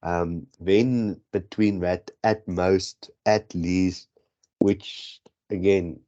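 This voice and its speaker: In this exam prep lesson, a deep-voiced man speaks very slowly with warmth and fairly even intonation. He has a South African accent, grew up speaking Afrikaans, and his statistics tutoring rambles and self-corrects over dull lo-fi sound.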